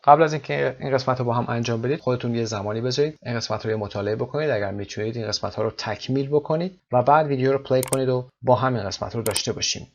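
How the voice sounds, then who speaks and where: Male English teacher, gravelly voice, explaining words, dull lo-fi recording. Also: mid-range voice, hardly any pauses, slight background noise. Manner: mixes English terms into explanations, with fillers.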